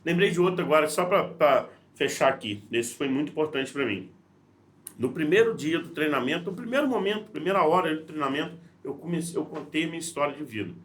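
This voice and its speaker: A man talks in a studio podcast and tells stories about his work as a leadership trainer. His voice sits a bit high for a man and swings widely as he acts out each exchange, with many restarts. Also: brisk. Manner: animated storyteller, acts out dialogue, frequent restarts. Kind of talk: casual storytelling conversation.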